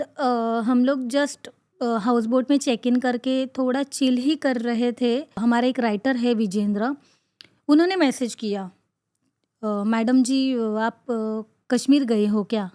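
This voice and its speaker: Earnest woman telling her story haltingly. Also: a little high, darkish tone, no room sound, clean studio sound. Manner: halting, with frequent pauses and fillers; earnest, repeats words for emphasis. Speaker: podcast host recounting her own trip. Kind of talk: personal storytelling.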